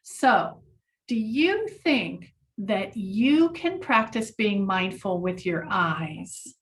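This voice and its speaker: A woman leading a children's mindfulness lesson, speaking gently and encouragingly to the class. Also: mid-range voice, lively intonation, drawn-out words, distant mic.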